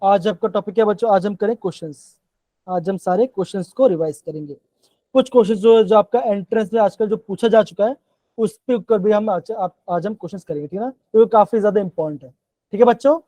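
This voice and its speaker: A man leads a live online chemistry class and keeps checking in with his students in a coaxing way. His voice is mellow and darker in tone, and it sounds dry and close, as if through a call mic. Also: high voice, quick pace, no echo, low-quality recording. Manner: coaxing, repeats "bachchon" and "theek hai". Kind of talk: live online class in Hindi-English mix.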